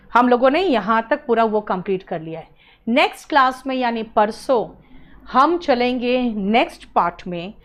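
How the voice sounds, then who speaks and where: A woman teaching an online English exam class. She explains words patiently, calls students "beta" and keeps checking "है ना?". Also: a little high. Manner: mixes English terms into Hindi explanations.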